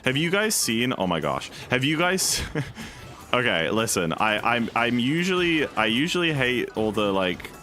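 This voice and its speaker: A man's voice: medium pitch, sing-song, normal speed, hardly any pauses, pushed and bright, faint music behind. A man streaming a speedrun, chatting casually and rambling with lots of fillers while he reads and answers his chat.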